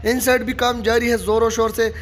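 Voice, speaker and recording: Brisk and very high-pitched, this man's voice carries a steady, informal walkthrough of a stadium construction site as he points things out and gives viewers updates. He repeats "you can see" often. The audio comes from a handheld phone camera, with long reverb and faint site noise.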